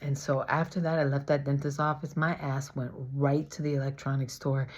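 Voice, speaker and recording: A woman vlogger telling her own story casually, animated and confessional, acting out what others said. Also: very deep voice, brisk. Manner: animated, confessional, acts out quoted speech. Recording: slightly dull lo-fi sound.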